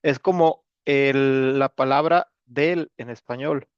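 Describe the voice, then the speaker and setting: A man explains English grammar in a relaxed, joking way, full of fillers. His voice sits at a middle pitch. The recording is dry and a little dull, like a lo-fi setup. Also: takes it slowly, clear, resonant tone, no echo. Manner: casual, joking, with many fillers. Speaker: English teacher.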